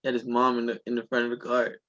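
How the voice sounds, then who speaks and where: A man's voice: mid-range voice, monotone, racing, a bit bright. Laughing man with a dull, lo-fi sound. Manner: laughs often while retelling funny clips. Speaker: podcast co-host. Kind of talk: casual chat.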